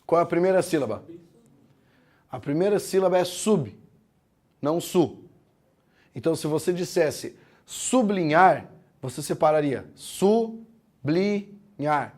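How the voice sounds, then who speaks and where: Guy teaching grammar, kinda high voice, keeps asking "tá?", slows down on syllables. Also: a little mellow. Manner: explains step by step, asks the class questions, says "tá?" often; slows down to spell out words syllable by syllable. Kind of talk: classroom lecture.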